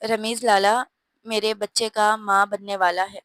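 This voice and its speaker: A woman voicing an innocent, playful young woman in a storybook who speaks in a halting, guileless way. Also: medium pitch, little pitch movement, a bit bright, clear, resonant tone, no echo, close to an everyday voice.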